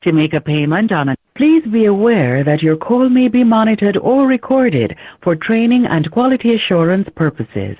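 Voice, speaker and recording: A recorded phone menu message reading out a resort greeting and menu options in a measured announcer delivery. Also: mid-range voice, sing-song, no echo. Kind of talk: automated greeting and menu prompts. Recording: tinny phone line.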